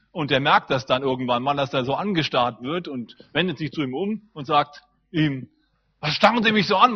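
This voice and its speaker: A male preacher telling a story in a sermon with animated, vivid delivery and a husky voice, on a muffled lo-fi recording. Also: on the high side. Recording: muffled lo-fi sound.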